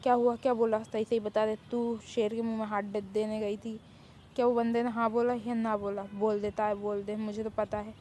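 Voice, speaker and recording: A woman's voice: mid-range voice, flat delivery, moderate pace, dark tone, slight background noise, lightly acted. A woman voicing an anxious young friend who keeps worrying about trouble. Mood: worried. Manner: anxious, fretful. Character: nervous worried young friend.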